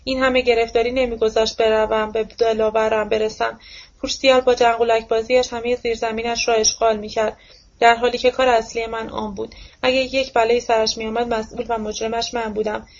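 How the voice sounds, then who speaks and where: A woman reads a novel aloud in a steady, even manner. Her voice sits somewhat high but barely moves in pitch. The recording sounds dull and lo-fi. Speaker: audiobook reader. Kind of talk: novel narration.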